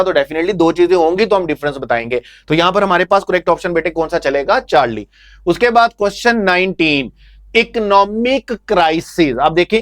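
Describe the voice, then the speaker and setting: A male teacher with a Pakistani Urdu accent going through exam answers, who asks his own questions and answers them and calls the students "bete". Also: high voice. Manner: calls students "bete", reads English options slowly. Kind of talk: exam answer discussion lesson.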